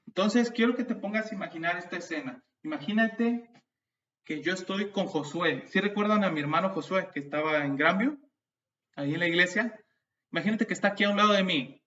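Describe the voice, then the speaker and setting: A man preaches in church with a voice that sits high, speaking fairly quickly. His sermon is animated storytelling full of restarts and asides to the congregation, and the mic sound is distant and dull.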